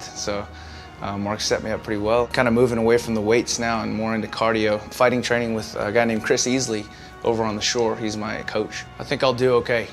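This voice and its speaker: Young man, from the United States, low voice, easygoing interview talk, faint music behind. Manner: easygoing, plain-spoken. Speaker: fitness consultant and amateur boxer.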